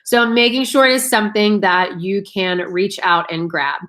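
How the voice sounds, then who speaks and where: A woman's voice: medium pitch, steady tone, moderate pace, fairly bright tone. A woman in her thirties, chatty and upbeat, coaching her sales team on goal setting and calling her listeners guys. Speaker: direct sales team leader. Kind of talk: casual coaching talk.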